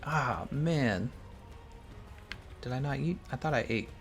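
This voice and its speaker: A man's voice: medium pitch, expressive, slow pace, faint music behind. A man giving casual, slangy, exclamatory livestream commentary on a game while chatting with his viewers. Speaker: game streamer.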